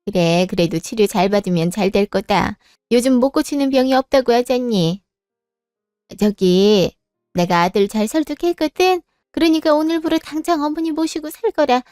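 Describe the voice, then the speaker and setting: A woman's voice: on the high side, moderate pace, a little mellow, clear, resonant tone, dry recording, clean studio sound, faint music behind, natural voice. A woman playing an older mother-in-law who speaks firmly but kindly. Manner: firm, motherly, decisive. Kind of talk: Korean drama voice acting.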